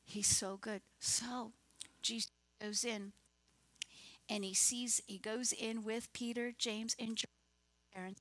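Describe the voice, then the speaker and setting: A woman preaching a sermon in an unhurried, drawn-out way, her voice sitting a little high. She moves from hushed, tender retelling to loud, emphatic urging and acts out the people in the story. The sound is close and dry, with no room around it. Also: fairly even intonation, no echo.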